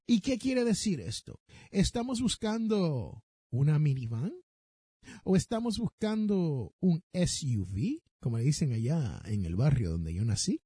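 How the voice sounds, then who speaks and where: This personal finance podcaster from Puerto Rico has a high, mellow, slightly rough voice and a Puerto Rican accent. Addressing listeners head-on, he delivers advice forcefully with rhetorical questions and the occasional English term. The audio is clean studio sound with no room tone.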